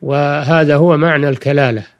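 An older man, a religious scholar, giving a Quranic lesson in formal Standard Arabic, deliberate and didactic, repeating key phrases. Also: on the high side, steady tone, lo-fi sound. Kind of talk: Quranic exegesis lecture for listeners.

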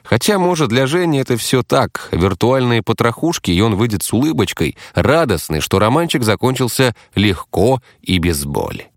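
A man narrating a first-person fantasy audiobook, expressive and conversational. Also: medium pitch, normal speed, few pauses, no room sound, clean studio sound.

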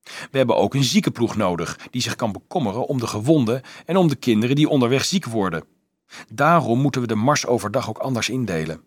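A man's voice: mid-range voice, husky, dry recording, clean studio sound. A man voicing a resolute teenage boy leader who lays out plans firmly in an audiobook. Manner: firm, explaining, sometimes angry.

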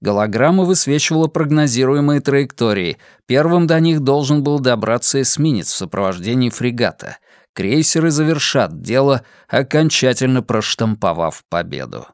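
A man giving a measured, expressive audiobook reading of a science-fiction story. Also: medium pitch, no room sound, clean studio sound. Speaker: audiobook narrator. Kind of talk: dramatic audiobook narration.

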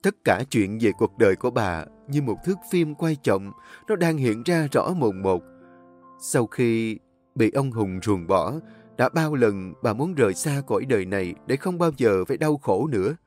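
A man narrating a dramatic story in an expressive, emotive way. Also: mid-range voice, normal speed, soft background music.

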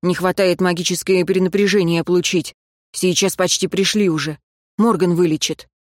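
A woman's voice: lowish voice, normal speed, no room sound, studio quality, natural voice. A woman reading an audiobook, voicing a firm, protective young man who answers in short refusals. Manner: curt, flat refusals.

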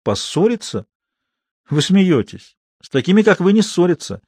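A man reading a cold, mocking young male actor who stays icy calm and speaks in cutting, sarcastic tones, in an audiobook. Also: high-pitched, moderate pace, breathy edge, no room sound, clean studio sound, pitched above the performer's own voice, exaggerated voice. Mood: coldly mocking.

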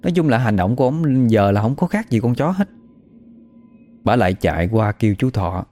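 A man's voice: medium pitch, very animated, normal speed, dark tone, soft background music. A man with a Southern Vietnamese accent telling a spooky folk story in a chatty, gossipy way. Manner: conversational, gossipy retelling.

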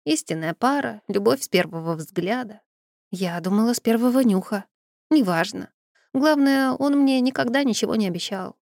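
A woman's voice: fairly high pitch, animated, normal speed, gravelly, darkish tone, no room sound, clean studio sound, voice pushed up. A woman voicing a young female friend in an audiobook, upset, blunt and sarcastic. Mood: sulky. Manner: sarcastic, sulky.

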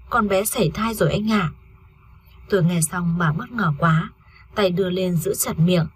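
A woman narrating a first-person family story in a steady, earnest reading voice. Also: fairly low pitch, a little hiss or hum.

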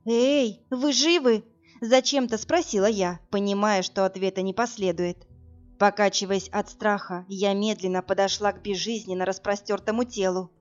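A woman's voice: mid-range voice, fairly even intonation, normal speed, faint music behind. Woman reading a dramatic audiobook. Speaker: audiobook narrator. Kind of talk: first-person audiobook narration. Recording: dull lo-fi audiobook recording.

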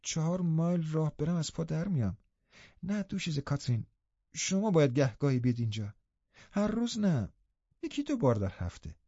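A man's voice: on the high side, sing-song, dark tone, dry recording, voice pushed up. A man doing a whiny sickly teenage boy. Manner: whiny, reluctant. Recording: dull, dry audiobook recording.

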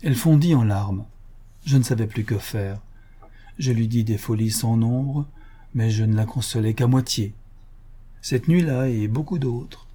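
Husky, dark-voiced male narrator. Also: medium pitch. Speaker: audiobook narrator. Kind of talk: first-person literary narration.

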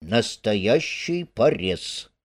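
A man voicing an excitable, bossy male water rat in a storybook reading. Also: on the low side, full character voice. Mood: thoughtful. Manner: brisk, impatient, bossy.

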